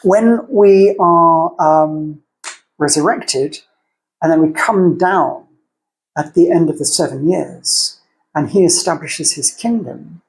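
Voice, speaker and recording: In a casual theological podcast discussion, a co-host thinks aloud in a rambling way and acts out opposing arguments. The voice is mid-range, slow and creaky, and the recording quality is low.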